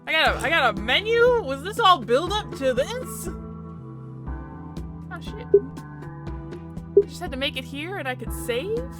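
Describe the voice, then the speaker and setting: A chatty woman playing through a game and commenting casually, her voice pitched a bit high. She swears now and then and jokes at her own expense. Loud game music plays under her the whole time. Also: sing-song, unhurried, long pauses. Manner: chatty, swears, self-deprecating. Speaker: let's play streamer.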